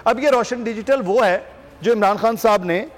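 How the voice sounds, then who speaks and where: A man's voice: high-pitched, normal speed, long reverb tail. A man anchoring a news talk show, explaining figures for viewers step by step.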